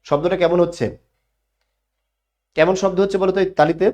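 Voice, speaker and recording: A man's voice: sits high, steady tone, fairly quick, muffled recording, background noise. A man teaching an online class, explaining grammar and answering his own questions. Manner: explanatory, asks questions and answers them himself.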